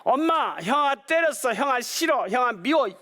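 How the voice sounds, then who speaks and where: A whining little boy tattles on his big brother in a squeaky, high voice, as a male lecturer puts him on. He sounds upset and complaining. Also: lively intonation, normal speed, sharp tone, heavily acted. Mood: whiny. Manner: whiny, complaining.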